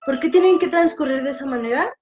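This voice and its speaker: A woman discussing a novel in casual chat, expressive and acting out the voices she quotes. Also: high-pitched, fast talker. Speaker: book discussion host. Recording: dull lo-fi sound with faint music behind.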